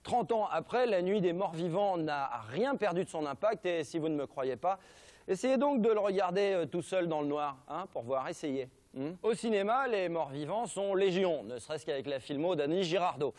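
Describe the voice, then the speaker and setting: A man's voice: high-pitched, lively intonation, normal speed, a little mellow. Ironic French male TV host. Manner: ironic, jokey asides, mock-serious delivery. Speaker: television show host. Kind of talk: comic film-history presentation.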